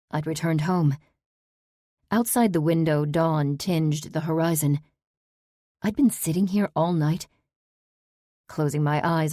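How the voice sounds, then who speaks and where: Low-voiced woman narrating tensely. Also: warm tone, no room sound, clean studio sound. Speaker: audiobook narrator. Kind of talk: first-person audiobook narration.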